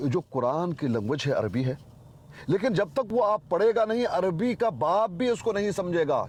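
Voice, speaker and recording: A man's voice: on the high side, a little mellow, a little hiss or hum. A man in a heated religious debate who insists that translations are wrong and recites scripture in Arabic. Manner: insistent, repeatedly correcting translations.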